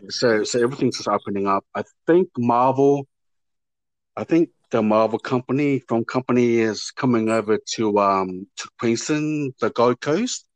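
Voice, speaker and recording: A man, an actor answering interview questions in a halting way that often repeats words. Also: on the low side, no echo. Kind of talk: casual interview chat.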